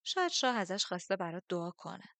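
A woman's voice: lowish voice, sing-song, gravelly, fairly bright tone, dry recording, exaggerated voice. A woman voicing a breezy young woman who talks in an offhand, blunt way.

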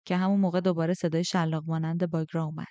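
A woman reading a novel aloud as first-person audiobook narrator, with steady, even storytelling. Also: fairly low pitch, no room sound, muffled recording.

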